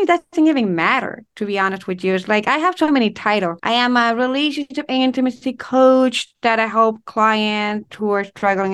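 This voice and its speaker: Expressive woman from Ecuador. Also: mid-range voice. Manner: expressive, lists words in slow flowing runs. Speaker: intimacy coach and guest. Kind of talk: conversational interview.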